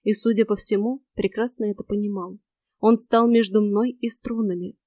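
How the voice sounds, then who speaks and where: A woman's voice: medium pitch, fairly even intonation, moderate pace, dark tone, no echo, studio quality. Woman reading a first-person audiobook. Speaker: audiobook narrator.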